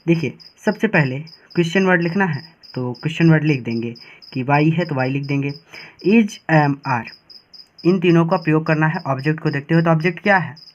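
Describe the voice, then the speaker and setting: A man teaching English grammar at a board, working through examples slowly and spelling out words as he writes. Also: fairly high pitch. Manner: slow dictation-like pacing, spelling words out. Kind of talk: board lesson explaining grammar. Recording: dull lo-fi classroom recording.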